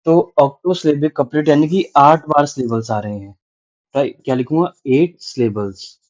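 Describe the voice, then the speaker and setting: A man's voice: a little high, unhurried, darkish tone. A man teaching a literature lecture in mixed Hindi and English, explaining patiently and checking in with "right?". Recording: dull lo-fi sound.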